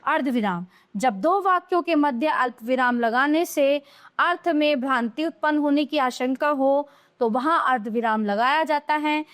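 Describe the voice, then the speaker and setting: High-voiced woman teaching children. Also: normal speed. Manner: explains patiently, asks questions and answers them. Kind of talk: grammar lesson for young children.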